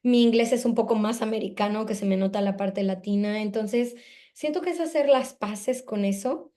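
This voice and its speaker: Mellow-voiced Mexican woman. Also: mid-range voice, normal speed. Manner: reflective, talks with many hedging asides and questions. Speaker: guest. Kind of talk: casual interview conversation. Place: in Spain.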